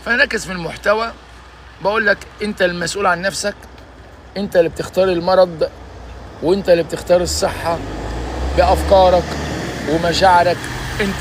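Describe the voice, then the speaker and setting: A man's voice: sits high, fairly even intonation, fast, pauses often, a little hiss or hum. Emphatic 60s man with Egyptian accent, preaching. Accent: Egyptian Arabic. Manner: emphatic, preachy, repeats "ya basha". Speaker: vlogger giving life advice. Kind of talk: casual motivational talk.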